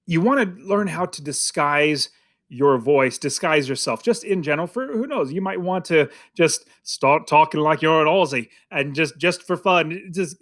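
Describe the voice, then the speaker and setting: A man's voice: fairly high pitch, expressive, normal speed, a bit bright. A man co-hosting a podcast, chatting casually about a movie in a rambling way with many restarts. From United States. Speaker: podcast co-host. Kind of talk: casual film review chat.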